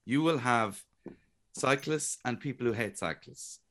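A middle-aged Irish man with a mid-range voice, speaking a little slowly, appears as a guest comedian in a radio interview. He's chatty and animated, telling jokey stories as he talks.

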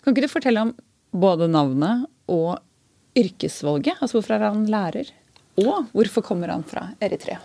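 A woman interviewer asking lively, teasing questions in a conversational interview. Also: medium pitch, gravelly, dry recording.

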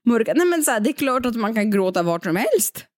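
A young woman with a fairly high voice chats on a podcast. She rambles, restarts her sentences and laughs easily. The sound is dry and close, with no room in it. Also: sing-song, no room sound. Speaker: podcast co-host. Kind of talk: casual podcast chat.

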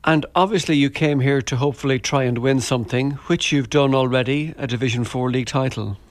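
Irish man, podcast sports interviewer, mid-pitched voice, conversational delivery, dry recording. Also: brisk, no echo.

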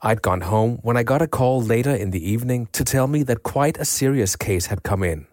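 An actor voicing a male former homicide police chief who recounts a case in a measured, factual documentary voice-over. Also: medium pitch, expressive, darkish tone, no echo, clean studio sound, natural voice. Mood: matter-of-fact. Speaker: voice actor reading an expert's account.

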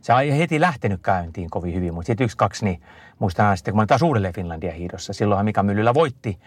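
A middle-aged endurance skier, interviewed as a guest, answers in casual conversation with long, rambling, lively stories full of fillers and restarts. His voice is lowish with a breathy edge, recorded with no room sound.

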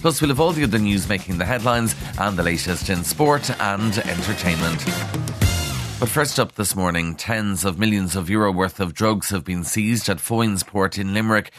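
A man's voice: on the low side, normal speed, fairly bright tone, soft background music. An Irish man reading a scripted radio news bulletin as a newsreader. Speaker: news reader. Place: dry studio.

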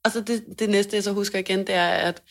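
A young woman co-hosting a casual chat, telling a story in an animated way, swearing freely and acting out quotes loudly. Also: mid-range voice, creaky. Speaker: podcast co-host.

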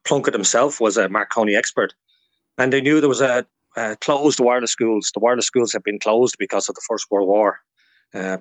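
This Irish man appears as an expert guest in an interview, recounting history informally in an informative, storytelling manner. His voice is lowish and a bit bright, captured in a dry recording.

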